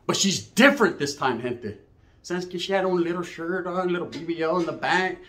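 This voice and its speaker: A middle-aged storyteller with a Chicano English accent and a slightly high, somewhat bright voice tells street stories at a brisk pace. He's slangy and profane, mixes in Spanish phrases, asks "right?" to check in, and acts out both sides of each conversation.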